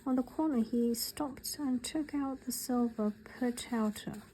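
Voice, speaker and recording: A woman reading a story aloud in a put-on British accent, with Korean as her first language, in a soft, half-whispered ASMR style. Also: a little high, measured pace, slight background noise, low-quality recording. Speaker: ASMR reader.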